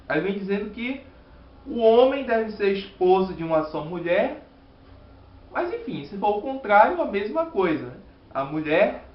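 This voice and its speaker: Bahian guy teaching sabbath school lesson, high-ish voice, slow and earnest, echoey muffled recording. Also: slight background noise. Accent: Bahian Brazilian Portuguese. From Salvador, Bahia, Brazil. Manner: earnest, measured teaching with pauses and emphasis. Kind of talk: Bible lesson explanation.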